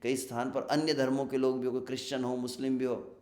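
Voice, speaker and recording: A man giving a devotional sermon, telling stories with lively acted-out warnings and occasionally chanting verses. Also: mid-range voice, quick pace. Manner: animated storytelling, acts out warning villagers in raised voice. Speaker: preacher. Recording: echoey room.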